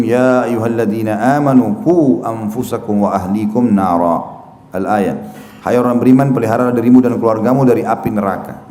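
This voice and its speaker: A man giving a religious lecture on a microphone, moving from recited scripture into joking, lively stories with quoted voices. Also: on the low side. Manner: humorous, animated storytelling with quoted voices. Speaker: preacher. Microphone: handheld or stand mic. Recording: echoey hall with faint noise.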